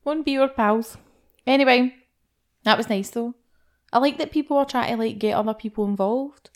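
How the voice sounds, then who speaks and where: A woman's voice: fairly high pitch, moderate pace. Teasing Scottish woman co-host. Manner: teasing, playful banter. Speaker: podcast co-host. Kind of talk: casual chat.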